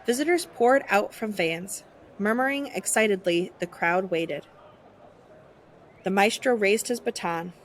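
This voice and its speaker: In a mid-range voice and at an unhurried pace, a woman dramatically narrates a children's picture book. A slight hiss or hum runs under the audio.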